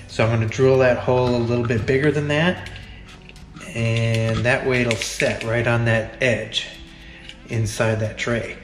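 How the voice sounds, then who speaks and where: A man's voice: medium pitch, steady tone, unhurried. A man in his forties giving plain, practical step-by-step welding instruction in a large metal workshop. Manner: practical, plain-spoken, explains each step. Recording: echoey workshop with faint music.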